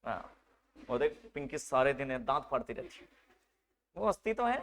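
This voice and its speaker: A man teaching a live nursing class to a room of students, lively and teasing, mixing English medical terms into his speech. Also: mid-range voice, moderate pace. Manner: animated, teasing, mixes Hindi with English terms.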